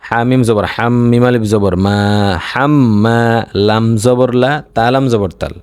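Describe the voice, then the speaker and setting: A man teaching Quran reading, spelling out syllables one by one and then reciting them slowly, with a Bangladeshi Bengali accent. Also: mid-range voice, steady tone, darkish tone, clear, resonant tone, no echo.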